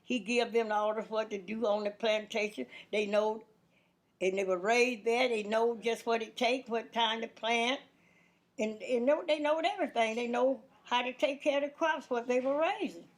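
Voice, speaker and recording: A woman's voice: on the high side, steady tone, moderate pace. A woman in her nineties with a Southern US accent, reminiscing casually in a plain-spoken way, often repeating words and restarting her sentences. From Louisiana, USA. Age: 90s, elderly. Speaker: interviewee. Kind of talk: casual oral-history reminiscence.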